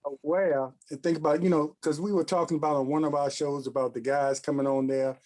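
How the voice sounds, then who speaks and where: A man's voice: a little high, steady tone, a little mellow. Thoughtful man hosting a talk show. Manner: measured, thoughtful, speaks in long musing runs. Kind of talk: reflective commentary in a casual talk show.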